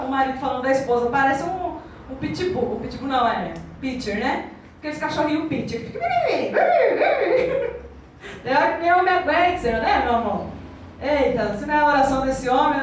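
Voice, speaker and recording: A woman's voice: high voice, muffled recording, a little hiss or hum. A woman pastor preaching a sermon in a church, talking conversationally with frequent tag questions and leading the congregation in repeating phrases. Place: church service hall. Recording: very echoey hall, mic far off.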